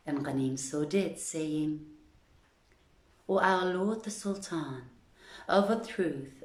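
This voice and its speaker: For an online audience, a woman hosts a story reading, talking to her listeners and reading literary tales aloud. She has a deep voice with a darkish tone, and the room sounds echoey.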